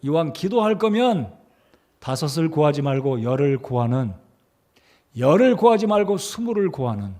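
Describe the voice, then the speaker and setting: A pastor preaching a sermon to a congregation, reading scripture aloud and acting out quoted lines with sudden rises in emphasis, then asking the listeners questions and leading them in repeating a verse. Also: male voice, fairly high pitch, very animated, moderate pace, mellow. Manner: reads scripture with acted emphasis, rising sharply for quoted commands. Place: church sanctuary. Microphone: handheld or stand mic.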